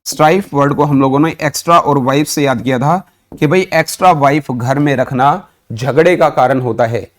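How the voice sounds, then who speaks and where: An Indian man teaching an online English vocabulary lesson, mixing Hindi and English and asking and answering his own questions. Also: medium pitch.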